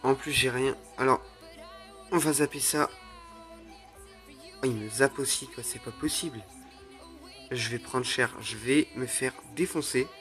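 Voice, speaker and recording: A young man commenting live on his own mobile game matches, excitable, groaning and exclaiming at each play. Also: mid-range voice, a little slow, pauses often. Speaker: gaming YouTuber. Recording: faint music under the voice.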